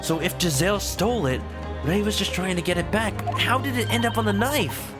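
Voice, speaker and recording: Male streamer: casual, playful game commentary, lively swinging pitch, medium register, prominent music. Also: fairly quick. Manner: playful, animated. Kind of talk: casual joking gameplay commentary.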